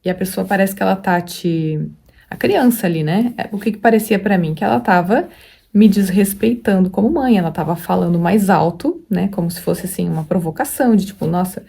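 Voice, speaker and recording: A woman's voice: medium pitch, brisk, creaky, warm tone, husky. A woman who is a mother and hosts a spiritual study channel, thinking aloud in a casual reflective teaching talk, rambling with many fillers and restarts. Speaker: mother of a young daughter.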